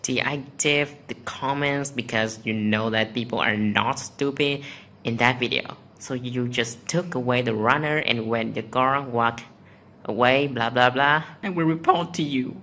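A man's voice: mid-range voice, a little slow, pushed and bright. A young man vlogging on a phone at home, sarcastically reading out comments and answering them in a mock-offended manner. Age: teenager or young adult. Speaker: YouTuber. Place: small room at home, indoors.

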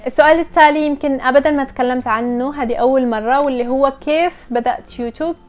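Chatty young Moroccan woman, fast. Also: high-pitched, soft background music. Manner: chatty, mixes English words. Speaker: vlogger. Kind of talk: casual chat to camera.

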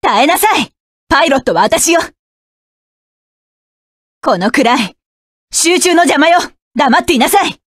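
A voice actress with a high voice records a game voice clip collection as a proud, fierce young mech pilot barking curt, commanding, scornful lines. The mood is tense and wary, and the audio is studio quality with no echo.

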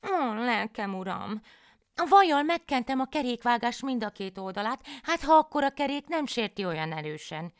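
A woman's voice: a little high, very animated, voice pushed up. A woman voicing a foolish, cheerful young peasant wife in a folk tale, with naive, pleading speech.

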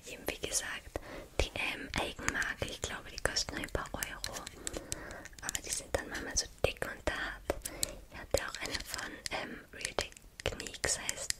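A woman in her twenties whispering softly and intimately, close to the microphone, in a casual ASMR chat. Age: 20s. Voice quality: soft breathy unvoiced whisper. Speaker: ASMR video creator. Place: small bedroom, indoors. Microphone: large microphone close to the mouth.

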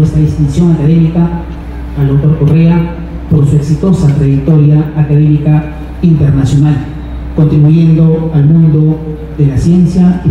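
Man, solemn ceremonial address, measured phrasing, long reverb, echoey room. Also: on the high side, mellow, distant mic, slight background noise. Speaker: university rector. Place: large outdoor ceremony at night. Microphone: handheld microphone. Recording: roomy hall-like reverb from afar.

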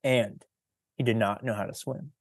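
A man reading a picture book aloud during a presentation in a deliberate, teacherly storytelling manner. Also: lowish voice, fairly even intonation, no room sound, studio quality.

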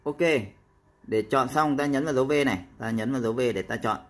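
A man explaining a phone app step by step in a casual tutorial, with frequent pauses and fillers. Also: mid-range voice, music in the background.

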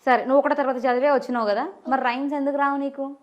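Fast-talking woman quizzing a child. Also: sits high, fairly even intonation, lo-fi sound. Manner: quizzing, coaxing questions. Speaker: interviewer. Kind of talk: casual interview with a child.

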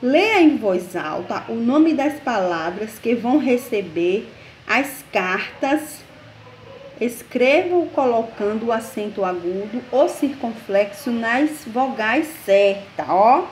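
A woman with a Brazilian Portuguese accent teaching a primary school lesson in a slow, patient, over-articulated classroom manner. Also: fairly high pitch, expressive, a little hiss or hum. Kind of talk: recorded online lesson. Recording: echoey room.

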